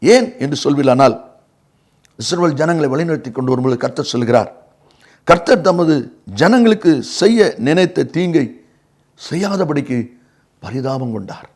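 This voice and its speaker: A man's voice: on the high side, lively intonation, moderate pace, long pauses, a little mellow. Emphatic Tamil preacher man. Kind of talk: televised devotional sermon.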